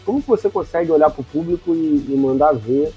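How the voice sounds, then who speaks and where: A man's voice: fairly high pitch, fairly quick, warm tone, breathy edge, lo-fi sound, faint music behind. A man hosting an interview, talking hesitantly and often adding tag questions. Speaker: interview host. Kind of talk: casual interview.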